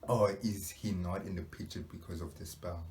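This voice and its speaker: Deep-voiced man musing in a reaction video. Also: steady tone, normal speed, a little mellow. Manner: musing, rhetorical questions, frequent fillers and laughs. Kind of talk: casual reaction commentary.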